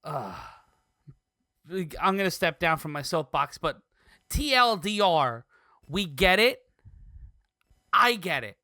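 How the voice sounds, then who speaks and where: A man co-hosting a casual sports podcast, making his points animatedly with drawn-out emphasis and easy laughter. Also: sits high, big pitch swings, bright, forceful tone, dry recording, clean studio sound. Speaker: podcast co-host.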